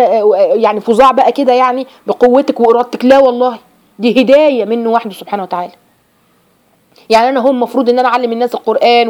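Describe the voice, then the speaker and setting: A middle-aged Quran teacher with an Egyptian Arabic accent gives an emphatic religious talk to women, repeating phrases for stress. Her voice is on the high side with a darkish tone.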